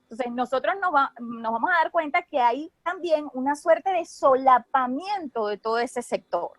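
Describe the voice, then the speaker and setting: A woman speaks in a noticeably high voice with a Venezuelan Caribbean Spanish accent, recorded dry and close. Her delivery is didactic and semi-formal, like an expert explaining a subject, with short tag questions to check that listeners follow. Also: lively intonation, normal speed, no room sound.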